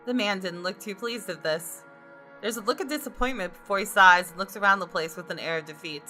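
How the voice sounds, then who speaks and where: A woman's voice: mid-range voice, fairly quick, pushed and bright, faint music behind, close to an everyday voice. A woman voicing a wry, observant female designer who narrates a visual novel in a dry, reflective manner. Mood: wry, surprised.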